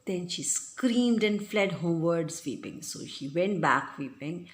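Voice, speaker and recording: Lowish-voiced woman teacher explaining a story. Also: animated, a little slow. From India. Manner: reads a line then explains it simply, acting out shouts. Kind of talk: reading and explaining a textbook story.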